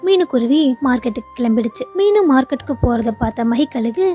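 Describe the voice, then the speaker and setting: Woman narrator, calm storytelling, mellow dark tone, slightly high voice. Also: fast, soft background music. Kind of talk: scripted narration.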